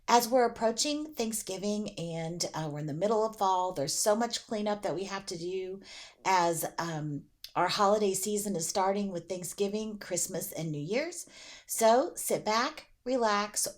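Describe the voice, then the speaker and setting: Woman vlog host, hoarse and cracky from a cold, medium pitch, upbeat casual chat. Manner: upbeat, excited intro. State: hoarse and deeper-voiced from a cold.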